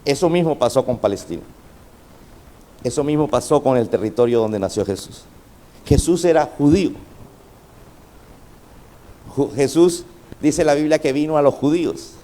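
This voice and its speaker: A man's voice: medium pitch, moderate pace, long pauses, dark tone. A middle-aged male pastor preaching a sermon with fervor, calling out to his congregation for responses.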